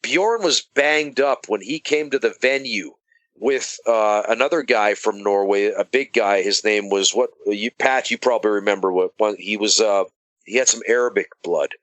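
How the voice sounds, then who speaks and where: A man hosting a casual podcast, telling stories in an animated, emphatic way. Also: fairly low pitch, normal speed, no room sound, rough recording. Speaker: podcast host.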